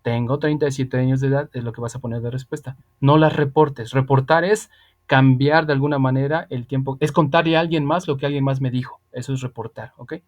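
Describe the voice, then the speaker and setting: Speaking briskly with a steady, medium-pitched voice, this man in his 30s tutors English online. His casual instruction is patient and emphatic, with lots of repetition.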